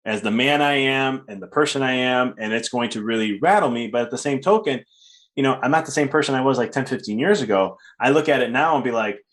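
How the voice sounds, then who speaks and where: A male podcast host and coach chats in a calm, upbeat way, with loose ums and casual phrasing. His voice sits at a middle pitch. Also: fairly quick. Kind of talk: casual interview chat.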